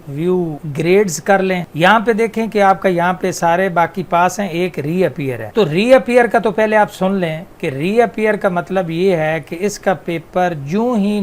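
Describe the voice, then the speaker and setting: A man talks through a casual screen tutorial. His voice sits fairly high, and he explains each step plainly and then repeats the main points so they stick. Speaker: channel host explaining university exams.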